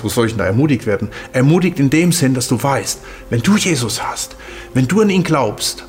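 A man preaching and praying earnestly, often repeating phrases and speaking straight to the listener. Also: medium pitch. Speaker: pastor. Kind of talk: sermon with prayer.

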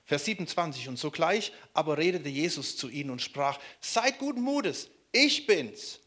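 A man from Germany preaching a sermon in a lively way, often turning to ask his listeners questions. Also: a little high, moderate pace. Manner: animated, asks the listeners questions.

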